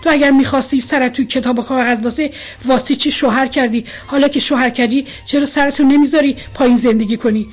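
A woman's voice: high voice, steady tone, slightly rough. A woman voicing an angry, stern older male colonel who scolds his daughter in a storybook reading. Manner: shouting, scolding.

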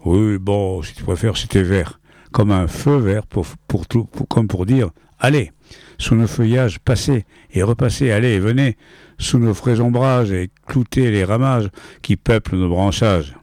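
A man playing a weary storybook father with a low, gravelly voice who answers in glum, clipped phrases. It is heard dry and close. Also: a little slow, dark tone, no room sound. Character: weary, curt father of a small boy.

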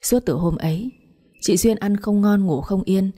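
A woman storyteller reading an audiobook story in a steady, earnest way. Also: mid-range voice, unhurried, husky.

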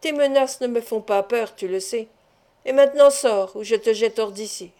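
A woman's voice: fairly high pitch, normal speed, mellow, natural voice. A woman reading the part of a stern, proud fisherman who refuses curtly and turns angry. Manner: curt, firm refusals rising to anger. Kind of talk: audiobook character reading.

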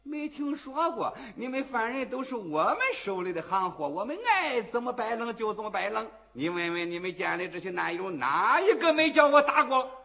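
A man's voice: high-pitched, sing-song, moderate pace, gravelly, hardly any pauses, sharp tone, full character voice. A man doing a swaggering, bullying prison warden. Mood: scornful. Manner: swaggering, threatening.

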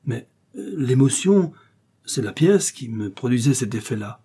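A man's voice: medium pitch, sing-song, measured pace, dark tone, husky, full character voice. A man voicing a flustered young son-in-law who stammers through evasive excuses.

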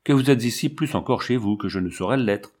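A man's voice: mid-range voice, brisk, lightly acted. A man reading aloud, voicing a shy, tender young woman painter in a storybook. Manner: soft, shy.

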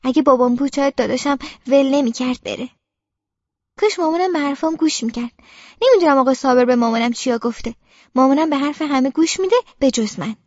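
A woman with a very high voice reads an audiobook in the first person as a young girl. Her delivery is quiet, subdued and brooding. The recording is dry and close, and its sound is slightly muffled and dull. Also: no room sound. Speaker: audiobook narrator.

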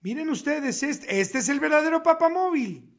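A man preaching a sermon on the radio, reading scripture in a slow, emphatic, declamatory way. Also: extremely high pitch, animated. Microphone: radio studio mic.

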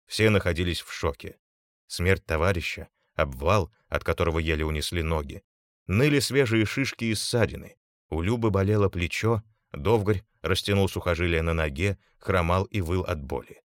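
A man with a fairly low voice narrates an audiobook in a measured, steady way. The sound is close and dry, with no room around it. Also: dry recording.

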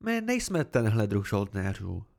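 A man's voice: on the low side, wildly swooping pitch, creaky, a little mellow, voice pushed down, heavily acted. A man voicing a stern, confident woman who teaches swordcraft, blunt and instructive in an amateur audiobook reading.

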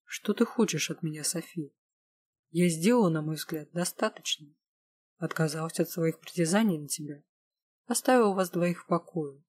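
Woman voicing a bitter mocking rival, low husky voice, storybook. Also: moderate pace, darkish tone, no echo. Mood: furious. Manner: teasing, sneering, then hurt. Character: sly jealous young woman, mocking and bitter.

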